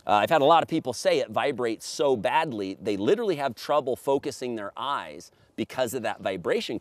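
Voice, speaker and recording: A man's voice: medium pitch, no room sound. A middle-aged man who deals in paramotors gives an enthusiastic product walkthrough outdoors on a grassy field, recorded by a camera on a tripod. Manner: enthusiastic, emphatic salesman. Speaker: paramotor dealer.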